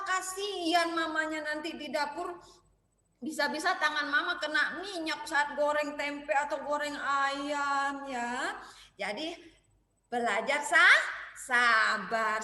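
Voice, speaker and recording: A woman preschool teacher telling a story and leading young children in an online class, animated and exclaiming. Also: sits high. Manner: animated, exclaiming, sing-song. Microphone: video call. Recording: echoey room with long reverb.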